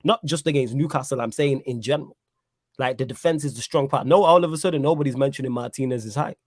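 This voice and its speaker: A man rattles through his football takes at a fast clip, pressing every point home. His voice sits in the middle range and is recorded close and dry, with no room around it. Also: mid-range voice, dry recording. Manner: emphatic, repeats "you know what I'm saying". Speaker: football pundit. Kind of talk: casual football reaction chat.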